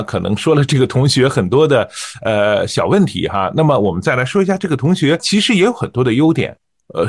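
A man coaching listeners on reading aloud, explaining in a calm, measured way with small fillers. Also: mid-range voice, no room sound, studio quality. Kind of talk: teaching on-air reading technique.

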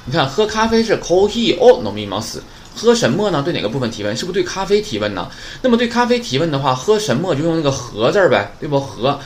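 Explaining Japanese grammar in Chinese, this man, a native Chinese speaker, cites Japanese words and sentences and keeps checking with students via "对吧" and "哎". He talks quickly with big pitch swings, a voice on the high side, and hardly any pauses, over slight background noise.

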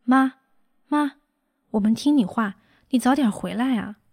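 Young girl, pleading, raised voice, mellow tone, as a woman reader puts her on. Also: fairly high pitch, measured pace, dry recording, clean studio sound.

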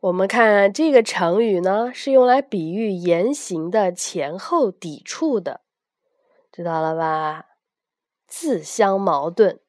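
A woman reading a bedtime story to children, gentle and expressive, close to the mic. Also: mid-range voice, slow pace, no echo.

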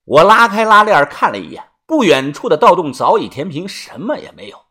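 A man narrating a first-person audiobook story in a colloquial way, filling pauses with drawn-out particles. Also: high-pitched, big pitch swings, pushed and bright.

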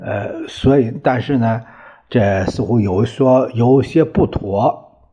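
Slow, husky male storyteller. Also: medium pitch, mellow. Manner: chatty, hesitant, full of fillers and asides. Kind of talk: casual storytelling retelling of a classic novel. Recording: dull lo-fi recording.

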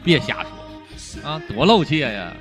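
A man's voice: fairly high pitch, big pitch swings, a little slow, fairly bright tone. A man hosts a radio show in casual, bantering chat. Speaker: radio host. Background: instrumental music with guitar.

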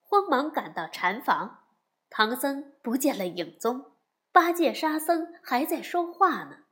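Slow, lively woman storyteller. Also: sits high. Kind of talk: children's story narration.

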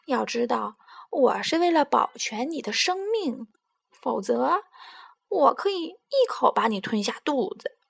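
A woman's voice: high-pitched, sing-song, measured pace, gravelly, slightly rough, full character voice. A woman voicing a sly old male crocodile in a storybook, pleading with false kindness. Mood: wheedling. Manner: wheedling, falsely kind. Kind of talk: storybook character voice.

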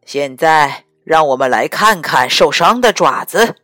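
A brisk grown-man animal doctor with a lowered voice that stays firm and loud, as a woman reading a storybook puts him on. He talks in slow, measured steps with a lively rise and fall. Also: no echo, clean studio sound, faint music behind, exaggerated voice. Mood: calm, firm.

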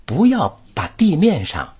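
Speaking a little slowly in a husky, slightly mellow voice, a man teaches recitation over an online voice chat. He demonstrates lines aloud with huge pitch swings and explains the placement of the stresses.

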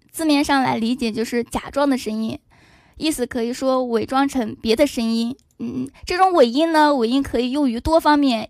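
Woman debater, high voice, methodical point-by-point explainer. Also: dry recording. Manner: explanatory, lecture-like. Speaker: debater, affirmative side. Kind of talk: online voice-room debate.

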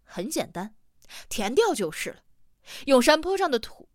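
An eager male geologist on the hunt for ore, confident and gleeful, voiced by a woman in an audiobook. The recording is dry, and the delivery is animated. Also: high-pitched, normal speed, dry recording, voice pushed up.

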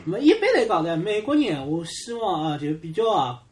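A man, a guest English teacher, explaining slowly and hesitantly. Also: sits high, very animated, soft background music. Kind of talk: casual chat.

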